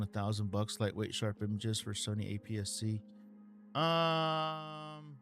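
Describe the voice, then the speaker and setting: Hosting a laid-back live stream, a mid-range-voiced man fields viewer questions casually, sprinkling in lots of ums and uhs.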